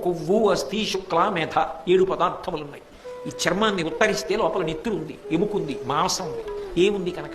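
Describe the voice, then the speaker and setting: An older man giving a devotional discourse. He speaks straight to his listeners and tells a story, acting out its dialogue in changing voices. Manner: addresses listeners directly, acts out quoted dialogue with shifts in pitch. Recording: clear music bed under the voice.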